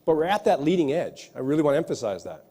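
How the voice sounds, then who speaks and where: A man whose dark-toned voice is fairly high, quick, and full of big pitch swings answers audience questions in a lecture hall. An ecologist fresh from his lecture, he responds earnestly, frequently starting his sentences over.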